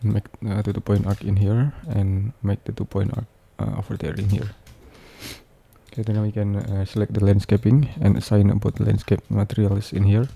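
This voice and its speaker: Very mellow, halting male tutorial instructor. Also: lowish voice, monotone, vocal fry, a little hiss or hum. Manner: halting, repetitive step-by-step phrasing with frequent hesitations. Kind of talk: unscripted step-by-step screen tutorial narration.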